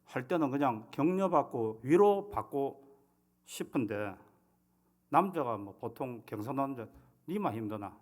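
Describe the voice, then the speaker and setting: A man's voice: mid-range voice, expressive, measured pace, darkish tone. A male pastor with a Gyeongsang accent preaching a humorous, conversational sermon. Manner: humorous, conversational, acting out scenes.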